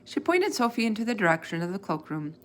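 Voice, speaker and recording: A woman reads a children's storybook aloud, animated and expressive as she acts out the dialogue. She speaks fast in a mid-range voice.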